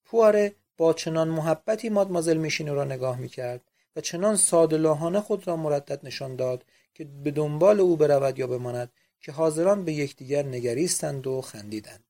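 Man narrating a classic novel. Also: a little high. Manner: measured, expressive reading. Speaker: audiobook narrator. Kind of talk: scripted literary narration.

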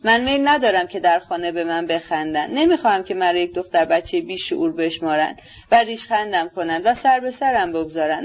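A woman voicing a proud, impulsive young woman who speaks with passionate, defiant emphasis, in a dull lo-fi recording. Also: lowish voice.

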